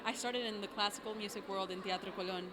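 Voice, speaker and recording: Young woman, composer, relaxed casual answers over audible noise. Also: mid-range voice, fast talker. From Argentina. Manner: relaxed, fills with "like" often. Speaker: composer and singer. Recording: noisy background.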